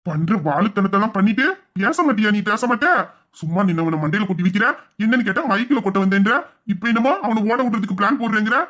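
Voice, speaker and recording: A man's voice: high-pitched, quick pace, a bit bright. A man playing a teasing young husband in an audio drama, mock-stern and scolding. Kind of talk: Tamil audio drama acting.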